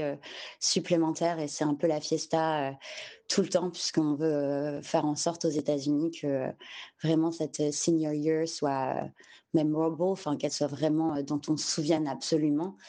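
A woman from France telling a personal story candidly on a podcast, unhurried and searching for her words, slipping English terms into her French. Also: low-pitched, fairly even intonation, warm tone.

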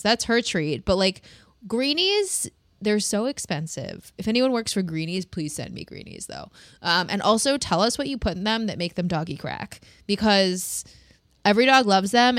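A woman's voice: on the low side, no room sound, clean studio sound. A woman co-hosting a podcast in casual chat, chatty and self-deprecating, laughing often. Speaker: podcast co-host.

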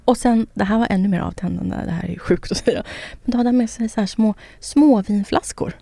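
A woman co-hosts a casual podcast chat, her voice full of gravelly fry. She rambles through stories, acting out quoted lines and swearing freely. The sound is close and dry, with no room echo. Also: medium pitch, warm tone. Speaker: podcast co-host.

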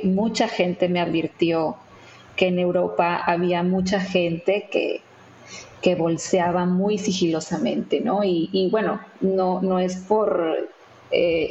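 A woman's voice: fairly low pitch, darkish tone, roomy sound, dull audio. A woman, a guest in an interview, telling a story in a chatty way with many fillers and tag questions. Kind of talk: conversational storytelling.

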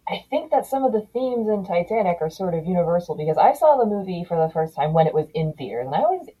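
A woman's voice: fairly low pitch, fast, husky, low-quality recording. A woman in her thirties hosting a podcast, chatting casually and telling stories with lots of restarts. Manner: chatty, animated storytelling with many restarts. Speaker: podcast host. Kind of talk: casual conversation.

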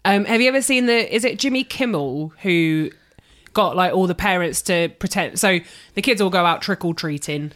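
A woman's voice: on the low side, normal speed, a bit bright. A woman with a Leicester accent chatting casually as a podcast co-host. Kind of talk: casual chat.

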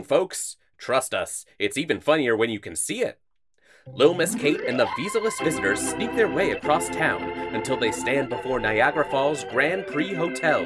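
A man playing an old-time radio announcer with a smooth, theatrical delivery, like 1940s radio. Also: mid-range voice, natural voice. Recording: over a loud organ music bed.

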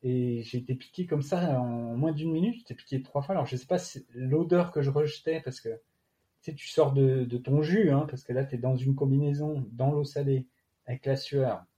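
A man with a dark, mellow voice and a French accent recounts his experience in a relaxed interview. He talks haltingly, full of fillers and restarts. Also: medium pitch. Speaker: guest athlete. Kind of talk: casual interview storytelling.

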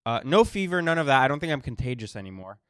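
A man hosting a casual podcast monologue, wheezy and short of breath while recovering from illness, halting with pauses and repeated phrases. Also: mid-range voice, big pitch swings, no room sound, studio quality. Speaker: podcast host.

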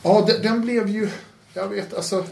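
A man guest telling his own story in a casual, animated way, swearing now and then and acting out what others said. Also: high voice, creaky. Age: adult with children. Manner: animated, swears, acts out quotes, laughs often. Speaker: interview guest. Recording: roomy room with faint noise.

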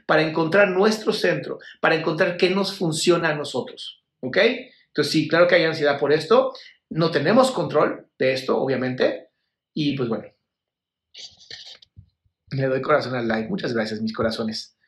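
A man's voice: on the high side, normal speed, reverberant. A man with a Mexican accent hosting a casual live stream, answering viewer questions with affectionate, blunt talk and some swearing. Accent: Mexican Spanish. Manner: affectionate, swears freely, calls viewers "my love". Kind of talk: casual live Q&A about mental health.

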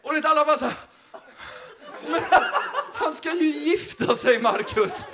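A man, a comedian, telling a story in an animated way, laughing and acting out the people he quotes. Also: extremely high pitch, a crowd in the background.

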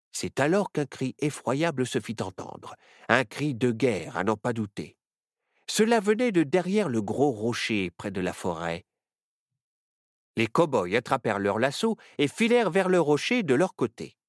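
A storyteller reading a children's adventure story aloud with expressive narration. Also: medium pitch, a little slow, dry recording, clean studio sound.

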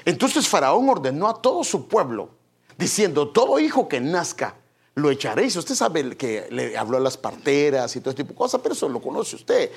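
A man's voice: a little high, big pitch swings, fairly quick, vocal fry, husky. A man preaching a sermon, emphatic, often addressing his listeners as brother.

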